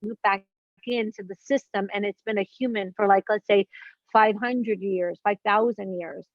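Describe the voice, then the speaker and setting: A woman in her fifties, appearing as a guest in a casual spiritual conversation, speaks earnestly and searchingly, circling back over her words as she thinks aloud. Her mid-range voice keeps a fairly even intonation at a moderate pace. The recording is dull, lo-fi and dry.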